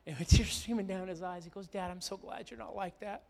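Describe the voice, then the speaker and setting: A middle-aged man preaching from the pulpit, his voice sitting a little higher than most men's. He rises to loud, emphatic declarations, then drops low and close to tell a personal story. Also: brisk, gravelly. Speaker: pastor. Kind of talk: sermon.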